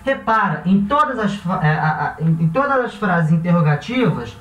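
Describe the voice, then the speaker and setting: A Brazilian man with a relaxed, chatty teaching manner who often corrects himself and checks in with his listeners. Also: high-pitched, moderate pace. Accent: Brazilian Portuguese. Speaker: language teacher. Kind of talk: casual classroom explanation. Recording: echoey room, voice a bit far from the mic.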